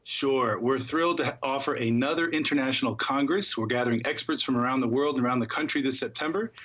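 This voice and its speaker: Upbeat husky-voiced man explaining. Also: medium pitch, quick pace, fairly bright tone, dull audio. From Philadelphia area. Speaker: guest spokesperson. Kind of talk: TV studio interview.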